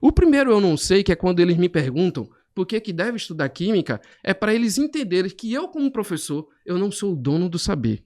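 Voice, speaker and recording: A middle-aged man, a chemistry teacher, telling animated classroom stories as a podcast guest. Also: high-pitched, fast, hardly any pauses. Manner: animated, acts out classroom scenes. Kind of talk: storytelling in a podcast conversation.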